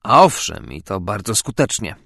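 A man voicing a self-assured, charming gentleman seducer, in a lower, soft, amused tone. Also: sing-song, normal speed, gravelly, no room sound, studio quality, full character voice.

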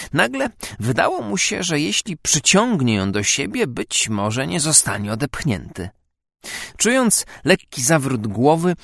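A male audiobook narrator reading in a measured, expressive way. His voice is gravelly and moves freely in pitch. The recording is dry and close to the mic. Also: dry recording. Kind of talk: scripted narration.

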